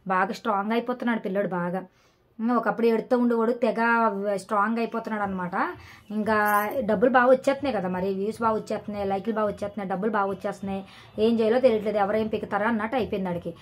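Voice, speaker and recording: A woman's voice: mid-range voice, fairly even intonation, rapid-fire. A woman vlogger ranting in casual reaction commentary, scolding and sarcastic, often tossing in "okay?". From Telugu-speaking India.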